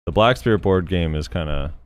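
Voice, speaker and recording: A man hosting a casual gaming podcast, relaxed and laid-back, still in his morning voice. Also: sits low, brisk, clean tone. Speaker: podcast host.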